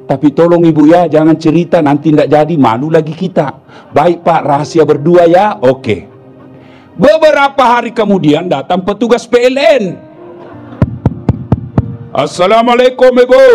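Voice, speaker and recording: A man preaching a humorous sermon. He acts out the jokes in different voices and turns to shouted scolding of the women in the audience. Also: sits high. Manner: playful, switches to shouted scolding of the women listeners. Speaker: Islamic preacher.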